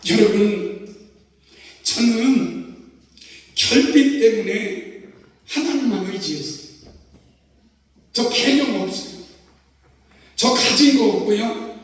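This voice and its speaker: High-voiced Korean pastor preaching in an echoing hall. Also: male voice, slow, pauses often. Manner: animated, chuckling storytelling. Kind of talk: revival sermon. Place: large church sanctuary. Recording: echoey hall, voice from far off.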